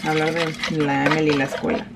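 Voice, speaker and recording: A woman's voice: deep voice, level tone, fairly quick, vocal fry, very noisy. Vlogger lady just chatting while she cooks, switches to a lot, pans clanking in the background. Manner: chatty, mixes English fillers into Spanish. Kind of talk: casual vlog chat. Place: home kitchen.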